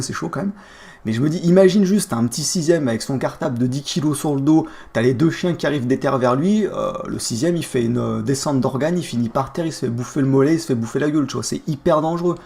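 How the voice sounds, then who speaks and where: Fast-talking gravelly young man ranting. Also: medium pitch, a little mellow. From France. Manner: vulgar, heated storytelling with street slang. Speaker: streamer. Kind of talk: casual live-stream rant.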